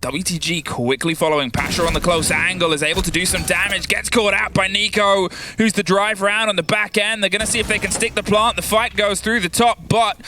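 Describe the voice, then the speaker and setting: High-pitched, dramatic male esports caster. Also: fairly even intonation, noisy background. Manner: dramatic, clipped phrases building to drawn-out shouts. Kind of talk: excited esports play-by-play commentary. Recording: music behind the voice.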